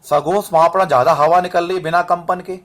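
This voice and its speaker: A man's voice: high voice, steady tone, fairly quick, fairly bright tone. A man teaching a lesson to students. He calls them बेटा, repeats terms and syllables to drill them, and keeps checking whether they understand. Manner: drills terms and asks "समझ में आ रहा है?" to check understanding. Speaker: Hindi teacher. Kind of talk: recorded classroom lesson. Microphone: camera mic, set up and adjusted by himself.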